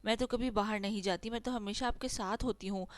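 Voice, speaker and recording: A woman's voice: medium pitch, steady tone, dry recording, close to an everyday voice. A woman voicing a young schoolgirl who sounds timid and innocent.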